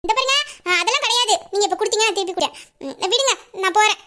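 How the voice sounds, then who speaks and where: Woman voicing a bashful young wife, very high voice, quick giggly retorts, fast talk, romantic audio drama. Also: pushed and bright. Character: shy, sharp-tongued young wife, playfully stubborn.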